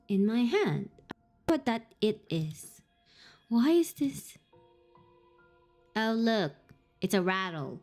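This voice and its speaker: A woman with a mid-range, dark-toned voice streams a horror visual novel. She reads the on-screen text aloud, breaking off to giggle and swear when startled.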